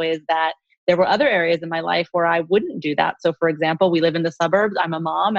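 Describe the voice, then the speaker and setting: A middle-aged communications executive from Colorado, United States, answers as an interview guest in an articulate, reflective way. Her voice is lowish, the room echoes, and the high frequencies are cut off.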